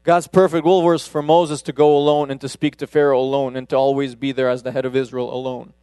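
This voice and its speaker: Smooth-voiced man preaching casually. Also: medium pitch, level tone, quick pace, mellow, dry recording, studio quality. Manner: conversational, often restarts sentences. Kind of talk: casual sermon.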